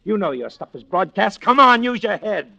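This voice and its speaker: A man's voice: high-pitched, animated, moderate pace, creaky, bright, forceful tone, full character voice. An actor playing a cynical, urgent American tough guy, slangy and sardonic, in an old-time radio drama. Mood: urgent, angry. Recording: muffled vintage radio recording.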